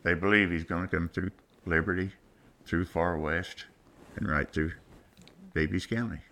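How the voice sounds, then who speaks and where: A man with a gravelly, creaky voice and a sharp edge answers as a local interviewee. He sits a bit low and talks casually. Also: fairly even intonation, normal speed.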